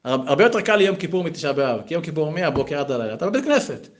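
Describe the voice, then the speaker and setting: A man in his thirties gives a Torah lesson with a voice pitched a little above most men's. He talks conversationally and animatedly, breaking into lively personal asides between passages of the text. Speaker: yeshiva teacher.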